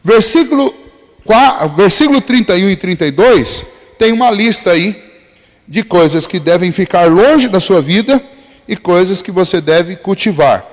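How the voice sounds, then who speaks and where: A man's voice: high-pitched, animated, moderate pace, long reverb tail. A male pastor with a Brazilian Portuguese accent, preaching a sermon in a conversational style full of rhetorical questions.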